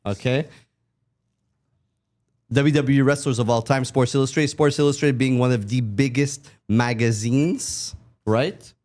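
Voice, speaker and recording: A man with a mid-pitched voice co-hosts a relaxed podcast chat. He jokes and boasts with a dry, deadpan tone. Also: a little slow, long pauses. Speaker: podcast co-host. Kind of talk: casual chat.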